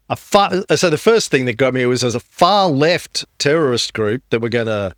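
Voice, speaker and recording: A man's voice: mid-range voice, animated, moderate pace, no echo, clean studio sound. Chatty man hosting a podcast. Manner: joking, talks over his co-host. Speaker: podcast host. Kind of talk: casual chat.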